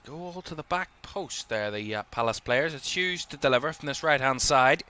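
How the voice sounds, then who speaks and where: Fast live play-by-play of a football match comes from a young man with a Northern Irish accent, who lifts his voice during attacking moments. He has a mid-range voice with a bright, forceful tone.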